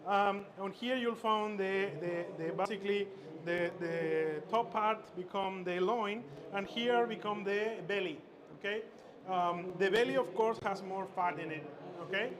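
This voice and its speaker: High-voiced man teaching a cooking demo. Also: crowd noise. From Chile. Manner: halting, many fillers and repeated words. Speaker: chef instructor. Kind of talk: live cooking demonstration. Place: expo stage. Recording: noisy expo hall ambience.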